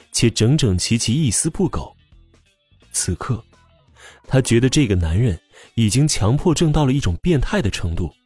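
A man narrates a romance audiobook with a low, slightly husky voice. His pitch moves widely as he tells the story, giving it a lively, expressive lilt. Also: no echo.

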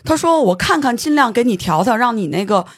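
A podcast host tells a story during casual studio chat, animated and tripping over words when excited. The voice is mid-range, husky, and a little fast, in a dry recording.

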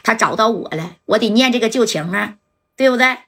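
A woman voicing a smooth-talking rich young man, who soothes people and boasts. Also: fairly high pitch, expressive, fairly bright tone, heavily acted. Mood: commanding. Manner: soothing, boastful, drawn-out phrases.

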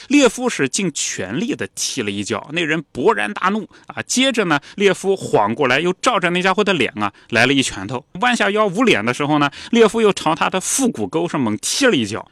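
A man co-hosting a podcast, narrating a story in a chatty, animated way. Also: fairly high pitch, dry recording.

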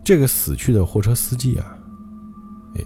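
A male podcast host telling a ghost story in a dramatic, lively way. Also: mid-range voice, moderate pace, soft background music.

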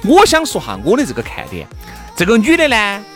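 语速快、川味十足的男主持人. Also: male voice, high voice, huge pitch swings, a little fast, soft background music. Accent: Sichuanese. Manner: colloquial Sichuan dialect, exclamatory, emphatic repetition. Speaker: talk show co-host. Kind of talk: animated casual chat for listeners.

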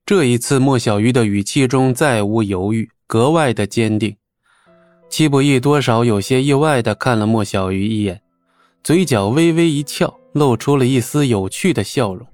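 A man reads a serial novel in a steady, even storytelling voice at a middle pitch. The sound is dry and close, with faint music underneath. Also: normal speed, no room sound. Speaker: narrator. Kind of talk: audiobook narration.

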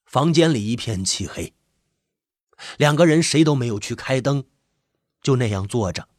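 A man with a husky voice, reading a suspense story in measured, expressive narration. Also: mid-range voice, no echo, studio quality.

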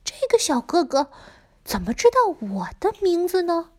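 A woman's voice: very high-pitched, very animated, moderate pace, mellow, pitched above the performer's own voice. A woman voicing a frightened ten-year-old girl crying out in a children's story.

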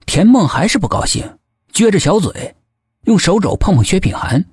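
A man narrating a suspense mystery audiobook in an expressive storytelling manner with a husky voice. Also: sits high, normal speed, no echo, studio quality.

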